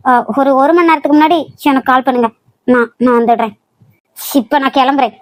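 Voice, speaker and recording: Brief: curt Kanyakumari daughter in a cartoon, played by a woman, high-pitched and defiant. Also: fairly quick, no echo, close to an everyday voice. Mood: exasperated. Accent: Kanyakumari Tamil. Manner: curt, stubborn. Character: headstrong young working woman, daughter. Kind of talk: cartoon voice acting.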